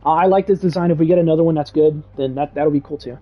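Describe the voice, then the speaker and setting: A young man streaming casually, reading chat and rambling excitably with lots of "dude" and "bro". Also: on the high side, fast, highs cut off.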